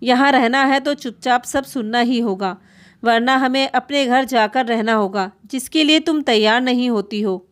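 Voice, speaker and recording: Brief: woman reading weary old retired husband, resigned, calm. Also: a little high, normal speed, natural voice. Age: older. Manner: resigned, reasoning, gently stern.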